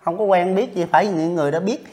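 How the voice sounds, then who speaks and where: A man speaks in casual interview talk. He is earnest and keeps circling back over the same points, his voice sitting a little high for a man. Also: fast talker, warm tone. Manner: earnest, repeats himself while recounting. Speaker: interviewee, street vendor.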